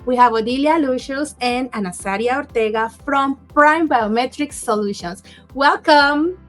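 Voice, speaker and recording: A woman, an attorney, hosting an interview, speaking with halting restarts. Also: high voice, soft background music. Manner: warm-hearted, halting, with repeated restarts. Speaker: immigration attorney and host. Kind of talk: hosted interview.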